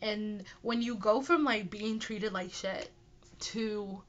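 A young woman talks casually in a nasal, congested voice, sounding sick. She rambles in an apologetic, self-deprecating way at a medium pitch. The home recording is dull and lo-fi. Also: slow. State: sick with a stuffy nose. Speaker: podcast host and aspiring author. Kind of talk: casual solo chat answering listener questions.

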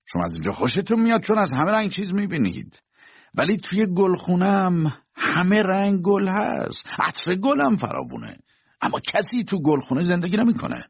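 Man reading as a mocking older bachelor doctor, raised husky voice, lively swings, muffled dry audiobook sound. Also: medium pitch, no echo, pitched above the performer's own voice, heavily acted. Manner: mocking, lecturing.

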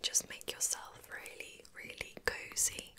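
A woman, an ASMR host, guides a relaxation session in a soft, breathy whisper, soothing and unhurried.

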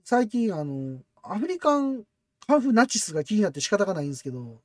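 A man with a Kansai accent hosting a casual podcast chat, talkative and quick to laugh as he tells stories. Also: high voice, no echo, clean studio sound. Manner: chatty, laughs often, excitable storytelling. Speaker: podcast host.

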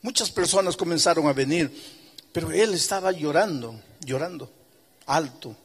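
A male pastor telling a story in his sermon with animated, emphatic delivery. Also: fairly high pitch, moderate pace, husky.

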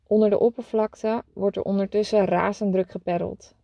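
A woman voicing a gentle, wise old horse in a storybook, speaking softly and reassuringly. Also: medium pitch, steady tone, normal speed, creaky, dry recording, muffled recording.

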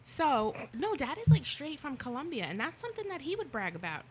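A woman's voice: sits high, huge pitch swings, brisk, poor audio. A woman co-hosting a podcast in casual chat, asking blunt, probing questions. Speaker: podcast co-host.

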